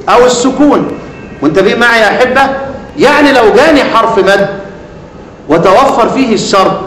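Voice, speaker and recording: High-voiced Egyptian teacher in an echoey hall. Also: male voice, slight background noise. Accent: Egyptian Arabic. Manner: asks students leading questions, then answers them. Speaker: Quran recitation teacher. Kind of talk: classroom lesson. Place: lecture hall.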